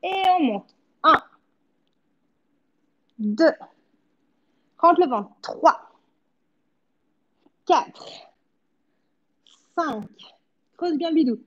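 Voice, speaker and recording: This high, expressive female voice comes from a fitness coach in her thirties running a workout indoors from her living-room studio. She speaks very slowly with long pauses, cheering briefly and counting repetitions while exercising, and the recording's highs are cut off.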